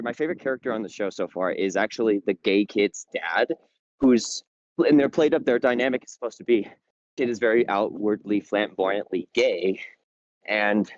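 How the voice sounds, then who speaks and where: Breathless, animated young-sounding man. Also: medium pitch, no room sound, lo-fi sound. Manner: animated, swearing, laughing storyteller. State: out of breath from walking uphill. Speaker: podcast host. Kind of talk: casual chat. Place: outdoors, walking uphill.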